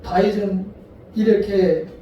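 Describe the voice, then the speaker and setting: High-voiced pastor preaching in an echoey church. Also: male voice, steady tone, dull audio, slight background noise. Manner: earnest, deliberate preaching with repeated emphasis. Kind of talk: sermon. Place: church sanctuary. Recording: echoey room, voice picked up from a distance.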